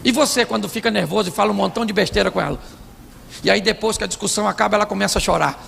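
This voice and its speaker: A Brazilian Portuguese-accented pastor delivers a playful, stand-up-like sermon in a church hall, his high, gravelly, somewhat bright voice rattling along rapid-fire. He imitates the voices he quotes and keeps asking the crowd "sim ou não." The audio carries live hall reverb, a faint audience, and slight background noise.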